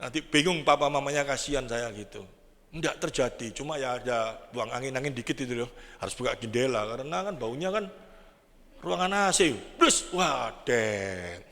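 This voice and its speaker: A man preaching a sermon, animated and quizzing his congregation. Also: mid-range voice, normal speed, vocal fry. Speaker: pastor. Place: large church hall. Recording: echoey church hall.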